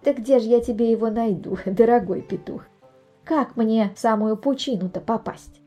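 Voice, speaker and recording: A woman voicing a calm, know-it-all female centipede who lectures slowly in a storybook reading. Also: a little high, soft background music, close to an everyday voice. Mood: calm lecturing.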